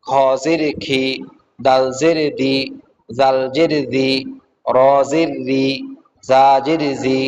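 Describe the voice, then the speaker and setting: Male Quran reading teacher, slightly high voice, very slow and clear, chants the drill in a steady rhythm. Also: slight background noise, rough recording. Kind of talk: slow recited Arabic letter drill.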